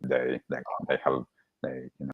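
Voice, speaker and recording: A man in his thirties, born in Argentina, talking casually as a podcast guest, halting with many restarts. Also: rumbling low, completely flat delivery, breathy edge, no echo, phone-quality sound. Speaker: podcast guest, wellbeing coach. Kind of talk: casual interview talk.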